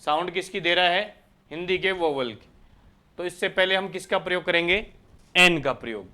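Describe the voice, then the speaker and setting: A man's voice: high-pitched, moderate pace, pushed and bright. A man from India teaching English grammar in a lecture, who keeps asking the class questions and answering them himself. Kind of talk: Hindi lecture explaining English articles.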